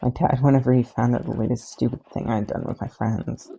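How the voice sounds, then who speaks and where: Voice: medium pitch, little pitch movement, a little fast, creaky, dark tone, husky. Green Lantern: a reader's cocky wisecracking guy. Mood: flippant. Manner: flippant, joking. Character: cocky wisecracking young male space cop.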